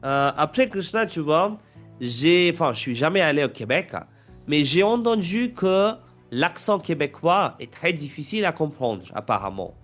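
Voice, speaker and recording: A man with a French accent plays his part in a speaking exam role-play, chatty and relaxed. He nudges the candidate along with tag questions. His voice sits a bit high, with faint music behind. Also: normal speed. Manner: casual, prompting with tag questions. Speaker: examiner.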